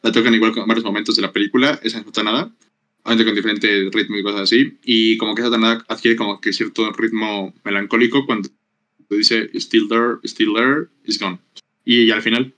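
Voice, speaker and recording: A man co-hosts a casual film podcast and fills in details in an informative way. His voice sits somewhat low. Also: steady tone, quick pace, a bit bright, highs cut off. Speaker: podcast co-host.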